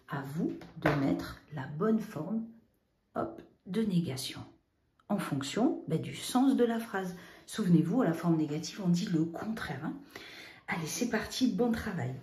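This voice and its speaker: Lively woman teaching kids grammar. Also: fairly low pitch, roomy sound. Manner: lively, coaxing, spells out examples slowly. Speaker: primary school teacher. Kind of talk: children's grammar lesson.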